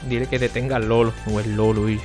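A young man, chatting casually on a stream and talking to his viewers by name, often keeping his voice low for the neighbours. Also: little pitch movement, fast talker, over music. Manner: speaking quietly for the neighbours.

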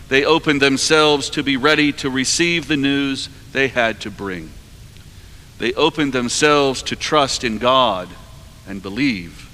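A man in his forties preaching a sermon from a cathedral lectern, measured and earnest, his phrases trailing off softly at the ends. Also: medium pitch. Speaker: priest preaching. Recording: long cathedral reverb.

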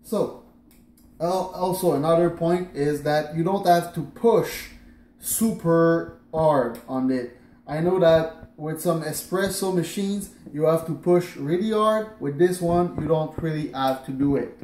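A somewhat mellow, fairly high-pitched male voice, measured in pace, belongs to a man in his thirties demonstrating something casually in his home kitchen at night. He chats as he moves around working, hesitating with fillers and false starts. A camera at a distance on the counter records it, leaving an echoey kitchen sound and faint room noise.

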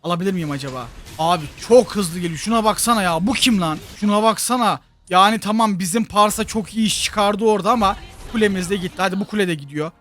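A gaming channel host with a Turkish accent commentates on his mobile game in a fast, high, excitable voice, erupting into loud shouts at the big moments. Faint music plays beneath him.

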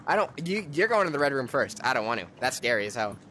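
A man's voice: mid-range voice, sing-song, fast, a little hiss or hum. Jumpy young man narrating a scary game. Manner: jumpy, swings from hushed mutters to shrieking laughter. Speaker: gamer playing with a friend. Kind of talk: casual gameplay commentary.

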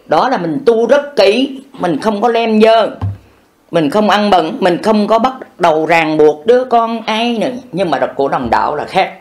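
A man's voice: high-pitched, lively intonation, moderate pace. An older man giving an improvised Buddhist dharma talk, folksy and scolding, acting out bits of everyday dialogue. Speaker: Buddhist monk teacher.

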